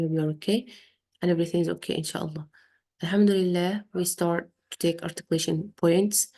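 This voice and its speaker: Female Quran tutor, low gravelly tone, patient, slow explaining lesson. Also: warm tone. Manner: demonstrates Arabic throat sounds. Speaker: Quran recitation teacher. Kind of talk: recorded revision lesson for a student.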